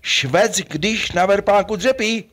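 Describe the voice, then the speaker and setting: Folksy comic puppet servant, highish voice, eager to please, talks in rhyme. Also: male voice, a bit bright. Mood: eager, clownish. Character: obliging, clownish male servant to a prince. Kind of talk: theatrical puppet play in rhymed verse.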